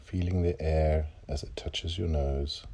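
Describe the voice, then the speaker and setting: A man leading a guided meditation, speaking slowly and softly, his calm phrases sometimes trailing into breathy near-whispers. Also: extremely low pitch.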